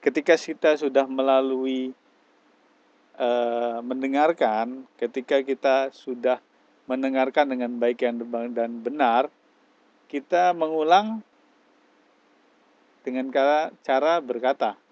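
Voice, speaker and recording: A man's voice: medium pitch, steady tone, takes it slowly, long pauses, darkish tone, dull audio. A man teaching English, explaining step by step and mixing English phrases into his lecture. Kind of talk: classroom lecture.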